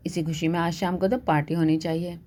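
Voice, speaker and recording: A woman's voice: lowish voice, flat delivery, brisk, dark tone, close to an everyday voice. A woman voicing a touchy young male college student who answers his friends in an irritated, huffy way in a storybook reading.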